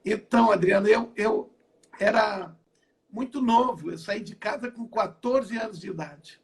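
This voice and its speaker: A high, creaky male voice at a measured pace belongs to an older apostle and pastor from southern Brazil. Interviewed online from his home, he shares his testimony, often repeating words and starting phrases over.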